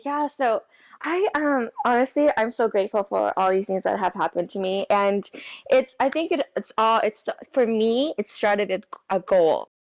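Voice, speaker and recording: A woman's voice: medium pitch, animated, moderate pace, lo-fi sound. A woman guest on a podcast, talking in a cheerful, chatty way with frequent fillers. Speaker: guest photographer. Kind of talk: casual interview.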